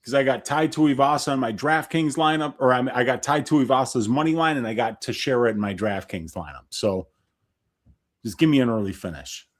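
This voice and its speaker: A man's voice: medium pitch, fairly quick. A man co-hosting a live fight watch-along, a little tipsy, joking around in casual banter. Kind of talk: casual live-stream chat.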